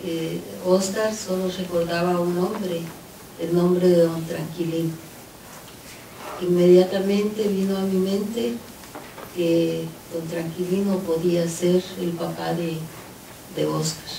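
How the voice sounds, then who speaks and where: A woman's voice: lowish voice, fairly even intonation, measured pace, creaky, warm tone, slight background noise. A woman on a panel, speaking carefully and with some hesitation. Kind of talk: panel discussion. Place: lecture hall. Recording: roomy hall, distant mic.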